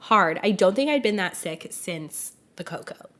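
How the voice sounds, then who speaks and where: A woman's voice: mid-range voice, expressive, normal speed, fairly bright tone. A woman co-hosting a casual book podcast, talking with a slightly nasal voice from a cold and laughing often. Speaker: podcast co-host. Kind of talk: casual chat.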